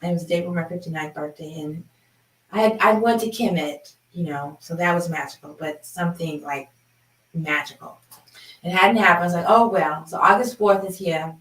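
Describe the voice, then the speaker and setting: A woman in her fifties telling a personal story in a chatty, animated way, laughing along as she talks. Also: fairly low pitch, fairly quick. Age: 50s. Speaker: sound healing host. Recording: roomy, from a distance.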